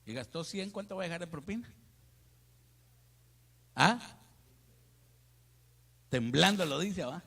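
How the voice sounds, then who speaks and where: A pastor preaches in a lively, joking way, his voice bright and a little gravelly. It swings widely up and down as he works the crowd. The sound rings with the long reverb of a church hall. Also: a little high, slow, pauses often. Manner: animated, joking, addresses listeners as brother. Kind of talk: lively Spanish sermon with humor.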